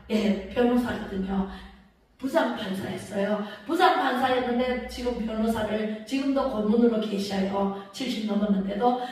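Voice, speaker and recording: A woman pastor preaches in a high voice, acting out the quoted lines and questioning her listeners. She sounds far from the mic, and her voice rings around a large reverberant church. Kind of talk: sermon. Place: church sanctuary. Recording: echoey church hall from far off.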